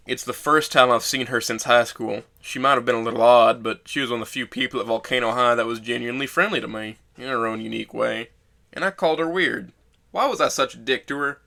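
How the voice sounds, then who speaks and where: For an audio drama, a man plays a bitter, self-loathing young man narrating his own story in a sardonic, brooding way. His mid-range voice is bright, with a forceful tone.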